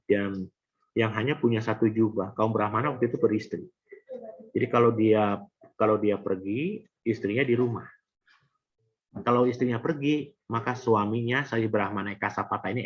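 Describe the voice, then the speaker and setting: Husky low-voiced man teaching a class. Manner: conversational, addresses audience directly. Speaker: Abhidhamma teacher. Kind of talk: Buddhist class lecture. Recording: dull lo-fi recording.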